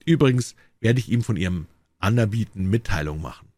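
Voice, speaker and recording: A man's voice: on the low side, animated, a little fast, a little mellow, no room sound. A man voicing a worldly male painter who teases his friend, in a droll, lightly mocking way, in a storybook reading. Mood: amused.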